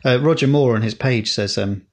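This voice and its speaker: A man's voice: medium pitch, brisk, a little mellow. A man co-hosting a podcast, chatting casually with frequent fillers and restarts. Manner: rambling, hesitant, many fillers. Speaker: podcast co-host. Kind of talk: casual chat.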